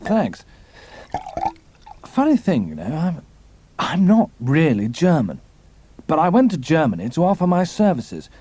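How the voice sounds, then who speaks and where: An actor playing a boastful, suspicious drunken traitor in an audio drama, with slightly slurred speech. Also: male voice, a little high, huge pitch swings, unhurried, pauses often, warm tone, slight background noise. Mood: confiding, tipsy.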